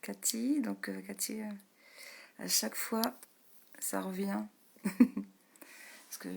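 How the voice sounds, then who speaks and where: This woman, an energy healer who also hosts meditations, greets her live-stream audience by name with a slow, gentle delivery, frequent laughter, and soft whispers. Her husky voice carries vocal fry and fairly even intonation, and she notes that it's low.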